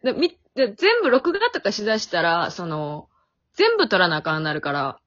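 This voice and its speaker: A woman's voice: medium pitch, huge pitch swings, moderate pace, a bit bright. A young woman with a Kansai accent chatting on a podcast from her family home over a remote call, easygoing and self-deprecating. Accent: Kansai Japanese. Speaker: podcast co-host. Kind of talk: casual chat. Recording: dull lo-fi audio.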